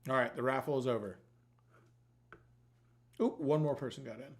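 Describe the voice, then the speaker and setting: A man's voice: mid-range voice, moderate pace, background noise. A man hosting a giveaway livestream, chatting in a loose, rambling, informal way with plenty of swearing. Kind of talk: casual rambling livestream chat.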